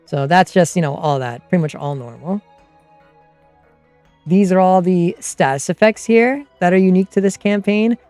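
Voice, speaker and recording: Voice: mid-range voice, moderate pace, a little mellow, no room sound, faint music behind. A streamer and game master of unclear sex chatting casually and explaining tabletop game rules in a rambling way.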